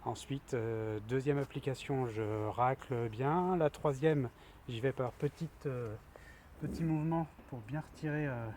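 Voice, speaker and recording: A man talks casually as he works on a van outdoors, thinking aloud and filling his pauses as he goes. His voice sits at an ordinary middle pitch. Faint outdoor noise hums behind him. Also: a little mellow. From France. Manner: chatty, thinking aloud with fillers while working. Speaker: van builder. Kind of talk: casual DIY vlog narration.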